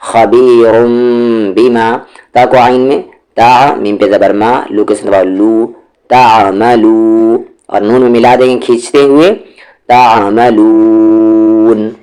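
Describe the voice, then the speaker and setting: A man's voice: medium pitch, normal speed, a little mellow. A man teaching Quran recitation in a lesson, spelling out syllables one at a time and then drawing out the joined word.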